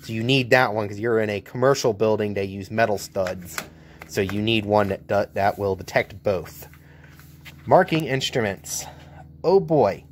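An American welder gives a casual, hands-on demo of his tools at an outdoor work table, blunt and joking as he films one-handed on a handheld camera mic. His low voice moves a little slowly, with slight background noise.

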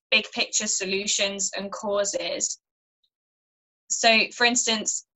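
Casting: teen girl, earnest and articulate, clear bright tone, talking to a webcam at home. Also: mid-range voice, poor audio. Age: teenager. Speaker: youth climate activist. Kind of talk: recorded church talk to camera. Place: small bright room at home, indoors.

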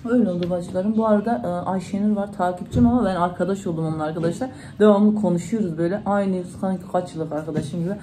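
A woman's voice: lowish voice, quick pace, hardly any pauses, warm tone, slight background noise, low-quality recording. A woman vlogger, chatting casually to her followers at home and retelling conversations in reported speech. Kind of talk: casual vlog talk to followers.

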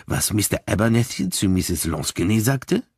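A man reads as an unflappable older detective, speaking low and slowly in a mild, encouraging way. The voice has a slightly husky edge, and the recording is dry and close. The delivery is storybook-style, soft with quiet irony. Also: animated, no echo. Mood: calm, gentle. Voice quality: low, gentle and slow.

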